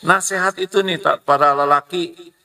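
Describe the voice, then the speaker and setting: A middle-aged male preacher, giving a lively sermon that jumps high for emphasis. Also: normal speed, recorded from a distance.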